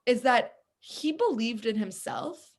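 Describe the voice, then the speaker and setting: A woman in casual conversation, an animated storyteller who acts out the voices in her tale. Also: a little high, takes it slowly. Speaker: podcast guest.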